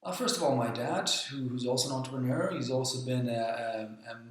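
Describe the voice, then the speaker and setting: A young Swedish-born man, a guest on a podcast, talking in a relaxed, friendly way with frequent ums. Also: medium pitch, fairly quick, slight background noise. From Sweden. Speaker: guest, founder of a talent accelerator. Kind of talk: casual interview talk. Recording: echoey room.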